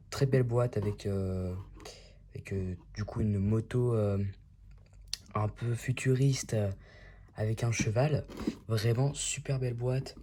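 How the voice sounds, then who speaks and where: A man's voice: mid-range voice, mellow, a little hiss or hum. A man hosting a casual unboxing vlog, talking in a chatty and enthusiastic way. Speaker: YouTube host.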